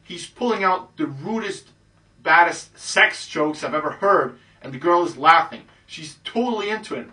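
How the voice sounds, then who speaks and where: A man, a dating coach, casually telling a story in a chatty way, full of fillers and lively re-enactments. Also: on the high side, normal speed, distant mic, rough recording.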